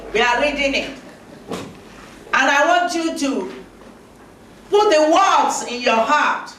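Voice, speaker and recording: A woman preacher leads a sermon at an unhurried, deliberate pace and calls out for amens. Her voice is high and bright. It reaches the mic from far off in a booming, echoey hall with faint background noise. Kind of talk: sermon with congregation call-and-response.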